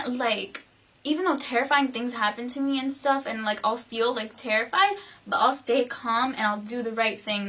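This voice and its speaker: A young woman vlogger telling a dramatic personal story in a rambling, animated way, full of "like". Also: a little high. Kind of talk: storytime vlog.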